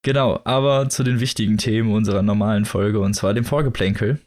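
A man's voice: on the low side, brisk, a little mellow. A young man in his twenties hosting a casual podcast, leading the talk with jokes. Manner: jokey, leads the talk. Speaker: podcast host. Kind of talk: casual chat.

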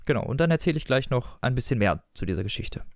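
A man's voice: mid-range voice, very animated, fast, no echo, studio quality. A man chatting casually about a story collection, with loose restarts, then reading an excerpt aloud. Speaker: book reviewer.

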